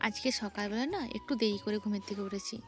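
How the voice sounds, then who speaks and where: A woman's voice: mid-range voice, steady tone, quick pace, soft background music. A young woman, narrating her morning chores in a chatty home vlog. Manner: chatty, describing chores as she goes. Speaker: vlogger.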